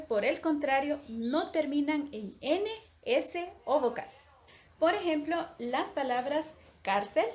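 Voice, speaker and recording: A woman teacher with a high voice takes her time through a recorded grammar lesson for children, sounding out each syllable with care. Her unhurried, clear delivery sits over a faint hiss of background noise. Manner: slow, clear, syllable-by-syllable explanation.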